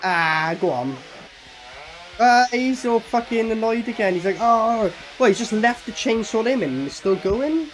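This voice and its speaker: A man's voice: high voice, very animated, normal speed, a little hiss or hum. A man giving casual, mocking running commentary on a film, sarcastic and full of swearing. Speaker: horror film reviewer reacting while watching.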